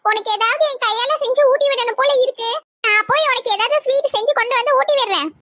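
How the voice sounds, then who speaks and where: A woman voicing a doting middle-aged village mother who fusses and cries with joy, in a very high, squeaky cartoon voice. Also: fast talker, very noisy. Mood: tearful doting. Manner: emotional, fussing, crying with joy.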